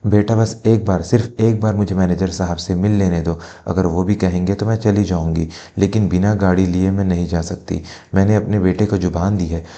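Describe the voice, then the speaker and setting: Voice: low voice, fairly even intonation, normal speed, hardly any pauses, warm tone. A voice playing a poor, dignified old mother. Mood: pleading. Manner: pleading, earnest, dignified.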